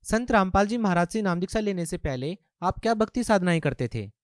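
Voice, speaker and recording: A man's voice: high-pitched, expressive, brisk, dry recording, clean studio sound. A man interviewing a guest, asking formal, polite questions and addressing him as "sir".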